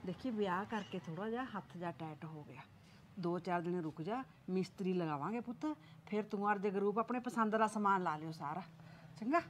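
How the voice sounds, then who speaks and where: ਇੱਕ ਔਰਤ ਪੰਜਾਬੀ ਲਘੂ ਫ਼ਿਲਮ ਵਿੱਚ ਪਿੰਡ ਦੀ ਸਬਰ ਵਾਲੀ, ਫ਼ਿਕਰਮੰਦ ਸੱਸ ਬਣੀ ਹੈ, ਜੋ ਨੂੰਹ ਨੂੰ ਪਿਆਰ ਨਾਲ ਮਨਾਉਂਦੀ ਹੈ।. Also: female voice, medium pitch, brisk, slight background noise, lightly acted. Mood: soothing. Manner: soothing, pleading, worried. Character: village mother-in-law, patient and worried. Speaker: mother-in-law. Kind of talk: Punjabi short film acting.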